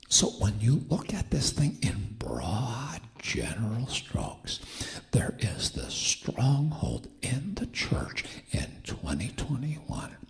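A man's voice: fairly low pitch, creaky. A man preaching a sermon in a church sanctuary with an impaired, whispery voice, building to emphatic fervor. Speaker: guest preacher.

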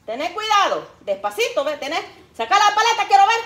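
A woman's voice: extremely high pitch, big pitch swings, fairly quick, a bit bright, pitched above the performer's own voice, exaggerated voice. A woman voicing her stern elderly mother, who bossily warns and coaxes her daughter while teaching her to cook. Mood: warning. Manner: bossy, warning, coaxing. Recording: roomy, faint background noise.

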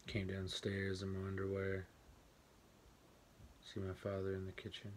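An actor playing a guarded, bitter grown man who quietly recalls the day his mother left, in a clipped, plainspoken monologue over a home webcam. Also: low voice, completely flat delivery, unhurried, slight background noise. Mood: subdued. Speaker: actor performing a film monologue. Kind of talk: stage monologue, told to a listener. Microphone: home webcam for an online event.

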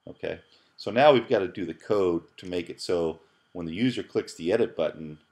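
Speaking fairly quickly in a deep, darkish voice, a middle-aged professor narrates a screencast tutorial on app programming. His style is casual and thinking-aloud, with fillers and repeated words throughout.

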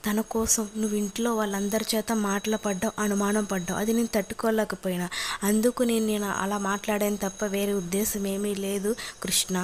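A woman's voice: mid-range voice, little pitch movement, fairly quick, a little mellow, a little hiss or hum, natural voice. A woman reading the lines of a remorseful young male police officer, apologetic and pleading, in a serial recap.

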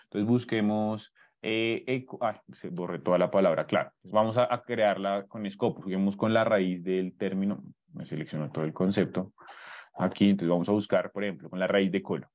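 A man with a lowish voice teaches a live webinar tutorial. He explains patiently, step by step, and keeps checking that listeners follow along. The audio is dull and lo-fi, like a streamed web session. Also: fairly even intonation, brisk. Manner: explanatory, repeats "entonces" and "¿listo?" to check understanding. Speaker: database search trainer.

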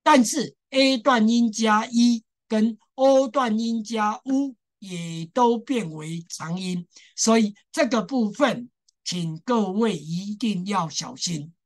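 A woman's voice: mid-range voice, takes it slowly. A woman teaching a language class, patiently drilling sounds, repeating syllables and stressing the exceptions to her students. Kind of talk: classroom lesson.

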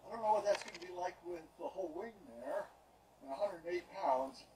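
A man's voice: sits high, lively intonation, fairly quick, vocal fry, dark tone, slight background noise, rough recording. An older man hosting a casual workshop vlog, talking in a rambling way with frequent fillers and restarts. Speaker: glider builder and channel host. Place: home garage workshop.

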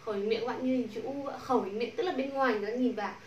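A woman with a Vietnamese accent teaching English pronunciation to a class, modeling sounds slowly and repeating drills. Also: a little high, far from the mic, highs cut off. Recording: echoey room, from the mic, faint noise.

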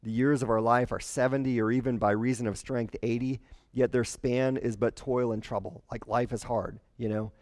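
A man in his forties preaches with a headset mic. His delivery is chatty and lively, and he slips into character voices when he quotes people. The sound is dry and close, with little room echo. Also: medium pitch, moderate pace. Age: 40s. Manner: conversational, animated, acts out quotes in character voices. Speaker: pastor. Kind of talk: sermon.

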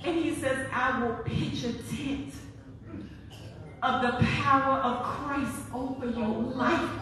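A woman pastor preaching a sermon in a church, animated and expressive, climbing to high, loud exclamations. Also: slow pace. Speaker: guest pastor. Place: large church sanctuary. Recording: echoey church hall from far off.

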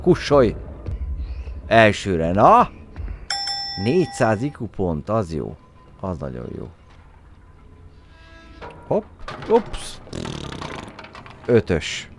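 A man giving joking let's-play commentary as a game streamer, excitably yelling at his character. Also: fairly low pitch, pauses often, music in the background.

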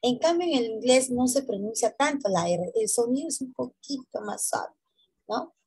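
A woman teaching English pronunciation to Spanish speakers. She draws out each letter sound slowly and ends her points with "¿no?". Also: a little high, animated, darkish tone, husky, no echo. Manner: slow, drawn-out letter sounds, tags lines with "¿no?". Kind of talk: online pronunciation lesson.

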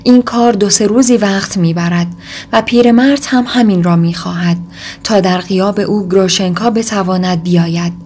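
A woman voicing an agitated, desperate young man in an audiobook reading, with intense outbursts that rise in pitch. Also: darkish tone, a little hiss or hum, close to an everyday voice. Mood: brooding.

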